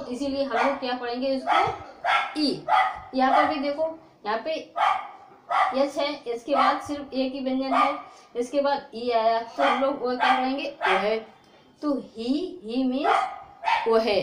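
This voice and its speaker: High-voiced woman teaching, echoey room. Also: noisy background. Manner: repeats points as questions and answers them herself. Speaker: English teacher. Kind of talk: classroom-style lesson.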